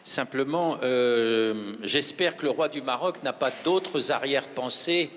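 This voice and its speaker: A man speaking in a measured, cautious way as a guest in a studio debate. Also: mid-range voice, a bit bright. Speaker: guest panelist. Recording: reverberant studio with faint ambience.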